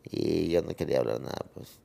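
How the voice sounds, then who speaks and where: A man from El Salvador, interviewed as a survivor, speaking haltingly in short broken phrases. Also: rumbling low, creaky, dark tone.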